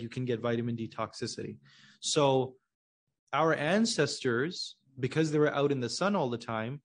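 A man from Pakistan, a company co-founder guesting on a podcast, explaining patiently and checking in with his listener. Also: mid-range voice. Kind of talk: casual conversational interview.

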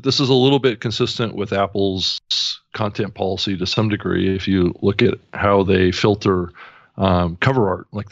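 A man hosting a podcast in casual chat, speaking haltingly with many fillers. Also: fairly low pitch, no room sound. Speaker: podcast host. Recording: dull dry lo-fi sound.

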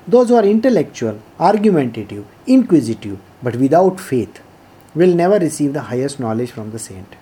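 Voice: medium pitch, big pitch swings, normal speed, dark tone. A spiritual teacher from India with an Indian accent, reading scripture and explaining it informally in a didactic way, repeating phrases for emphasis.

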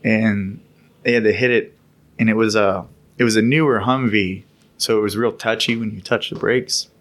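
A man's voice: on the low side, steady tone, moderate pace, a bit bright. A man casually recounting stories from his military service on a podcast, in a rambling, laid-back way with occasional laughs. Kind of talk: casual storytelling.

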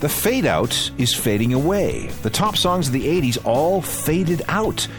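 A man's voice: a little high, big pitch swings, unhurried, music in the background. A man co-hosting a tech podcast, chatting casually, often stammering and laughing. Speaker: podcast co-host.

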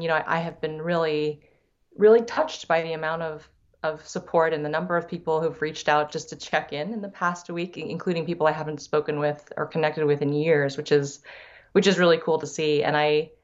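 This podcast interview features a middle-aged investor whose first language is Thai, though she was raised in the US. Her deep voice carries fairly even intonation at a slightly quick pace, with the high frequencies cut off. Reflective in manner, she keeps restarting sentences and repeating words.

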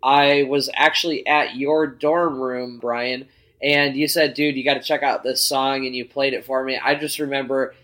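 This podcast co-host is a man whose medium-pitched, sharp voice barely moves in pitch and keeps a normal speed. In relaxed conversation he wanders through his recollections, full of filler words and false starts.

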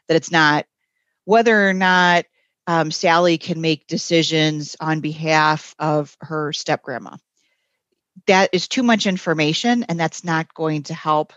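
A woman appears as a guest on a podcast, speaking as a health system ethics executive in a conversational interview answer. Her voice is low and a bit bright, and she lays out her points frankly with some fillers. The recording is muffled, with no room sound.

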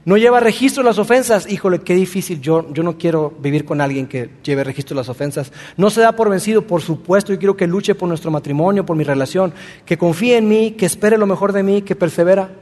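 A pastor preaches earnestly in a high-pitched, brisk, darkish voice, with a long reverb tail trailing his words. He addresses the listener directly and poses rhetorical questions.

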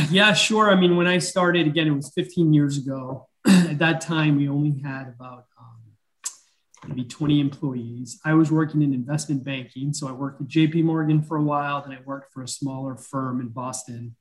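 A man on a video call, answering interview questions as a bank president in an unhurried way, with frequent fillers and throat-clearing. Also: on the high side, fairly even intonation, poor audio.

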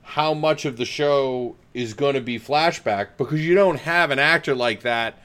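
A man's voice: mid-range voice, normal speed, fairly bright tone, clean tone. A man co-hosting a podcast in casual chat, laid-back, with short agreeing replies and dry asides. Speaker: podcast co-host. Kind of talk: casual chat about a TV episode.

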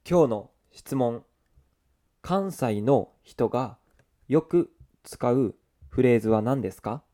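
Man, lesson host, scripted narration, careful enunciation, mellow tone, mid pitch. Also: expressive. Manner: slow, careful enunciation for learners. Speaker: host of a Japanese learning show.

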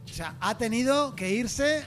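A man's voice: very high-pitched, lively intonation, measured pace, a bit bright, soft background music. A man co-hosting a radio talk show, teasing and joking playfully with his partner. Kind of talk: casual banter.

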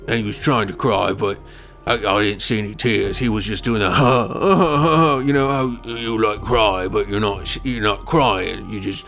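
A man's voice: fairly low pitch, vocal fry, a bit bright. A man voicing a dim, thuggish orc guard in a tabletop game, with a dopey, blunt cartoon bellow. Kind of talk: tabletop role-play character voice.

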